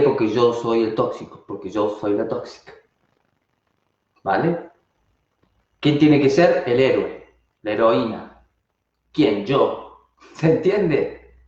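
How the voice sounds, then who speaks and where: A man with an Argentine Spanish accent teaching an online class, animated and constantly asking rhetorical questions and then answering them. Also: mid-range voice. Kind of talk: live online class talk. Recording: dull, roomy sound.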